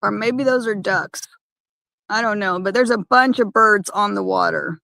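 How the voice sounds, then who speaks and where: A woman chatting casually on a phone livestream by a lake, talking in halting, rambling bursts with many restarts. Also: medium pitch, gravelly, bright, forceful tone, no echo. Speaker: van-life vlogger. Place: parked by a lake.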